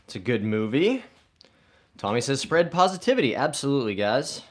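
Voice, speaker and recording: A man's voice: medium pitch, big pitch swings, a little fast. A man hosting a golf live stream, casually reading viewer comments aloud and answering them in an upbeat way.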